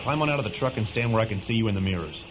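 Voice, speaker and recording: A man acts out a gruff, reluctant rescuer with a field medic's practical manner. His voice sits low, in a dramatic audio play. The recording is dull, with clear noise behind him. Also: lively intonation, rapid-fire, lightly acted. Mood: curt, practical. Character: gruff, reluctant male truck-driving rescuer, kind underneath. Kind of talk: dramatic audio fiction acting.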